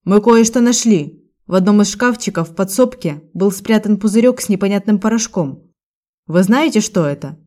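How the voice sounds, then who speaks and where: A woman's voice: mid-range voice, expressive, moderate pace, a little mellow, close to an everyday voice. A woman voicing a male police officer who speaks in a formal, matter-of-fact way.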